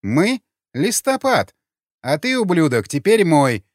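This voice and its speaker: A man performs a coarse, jeering woman who heads an armed gang, mocking everyone around her. His delivery is animated and moderately paced, pitched above his natural register yet still close to ordinary speech. The recording is studio quality with no echo.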